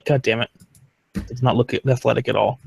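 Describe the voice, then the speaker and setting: A man's voice: mid-range voice, steady tone, fairly quick, creaky, darkish tone, slightly rough. A young man in his twenties, a college football player, chatting in a laid-back way on a livestream. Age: 20s. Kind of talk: casual livestream chat.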